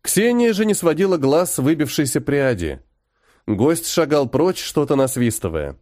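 Man, storybook narrator, lively dramatic reading, close dry mic. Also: a little high, moderate pace, no room sound. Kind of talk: scripted audiobook narration.

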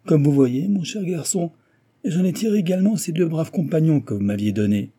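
A man's voice: a little high, animated, a little fast, mellow, breathy edge, pitched above the performer's own voice. A man voicing a gleeful, mocking older American engineer who sneers at his rival. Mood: gloating. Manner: sneering, sarcastic.

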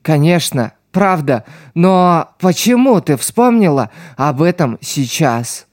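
A man's voice: a little high, big pitch swings, no echo, clean studio sound. A man reading an audiobook, voicing a desperate young street boy who pleads and cries out for help. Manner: crying out, pleading, drawn-out shouts.

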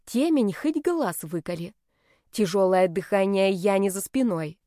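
A woman narrating a first-person fantasy novel in a lively, expressive storytelling manner at a close mic. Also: medium pitch, unhurried, dry recording. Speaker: audiobook narrator.

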